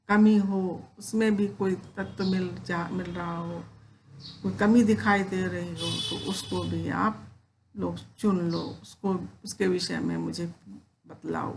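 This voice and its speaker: A woman teacher reads verse aloud and then explains it in simple words. She speaks at a slow, unhurried pace and at a middling pitch. A faint hiss runs under the recording. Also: creaky. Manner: recites verse lines, then explains them in plain Hindi. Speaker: Hindi teacher. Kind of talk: recorded lecture explaining poetry.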